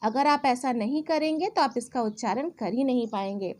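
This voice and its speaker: A young woman teaching a children's alphabet lesson, sounding out each letter slowly and deliberately. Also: a little high, expressive, a little mellow.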